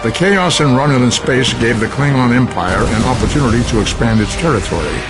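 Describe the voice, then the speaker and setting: A man's voice: mid-range voice, expressive, lightly acted. Solemn elderly Vulcan narrator, played by a man, over music. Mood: grave, foreboding. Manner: solemn, measured, deliberate. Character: elderly grave Vulcan ambassador recounting galactic upheaval. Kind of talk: scripted narration.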